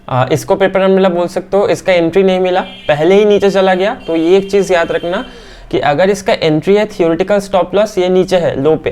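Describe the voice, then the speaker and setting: A man's voice: high voice, darkish tone, clear, resonant tone. Chatty man explaining trading charts. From India. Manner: keeps checking in with "theek hai?"; talks through hesitations with "aa" fillers. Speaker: stock market teacher. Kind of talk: explaining candlestick charts on screen.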